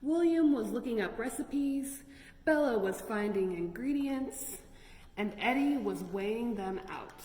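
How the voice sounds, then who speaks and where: A woman reads picture books aloud at a children's storytime, her fairly high voice expressive and dark-toned, her pace measured. Between passages she exclaims and chats with the listeners. The recording has an echoey, reverberant sound and noticeable noise.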